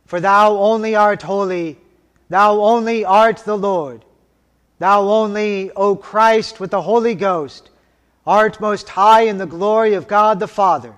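A man leading a liturgy as officiant, intoning prayers and scripture in a solemn, measured way, his voice ringing in a cathedral echo. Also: high-pitched, a bit bright. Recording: long church reverb.

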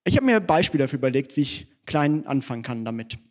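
A man's voice: mid-range voice, big pitch swings, fast talker. A man preaching a sermon in church, conversational and self-deprecating, mixing teaching with personal stories.

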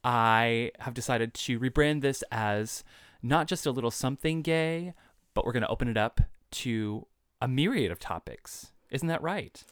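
A man's voice: medium pitch, animated, moderate pace, a bit bright, smooth, dry recording, studio quality. A man hosting a podcast in casual, playful chat, joking at his own expense. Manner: playful, laughing, self-mocking. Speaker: podcast host.

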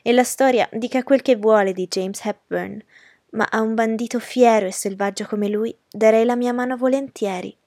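A woman's voice: on the high side, fairly even intonation, moderate pace, darkish tone, no echo, natural voice. Woman performing a haughty young noblewoman, imperious, mocking, audiobook, dry close sound. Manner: commanding, scornful, theatrical. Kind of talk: audiobook character reading.

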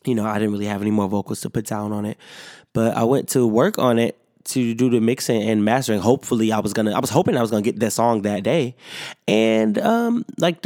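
Recovering from sickness, a podcast host chats casually on his own, rambling with plenty of fillers and curses. His medium-pitched voice has a darkish tone, and the clean studio sound carries no echo.

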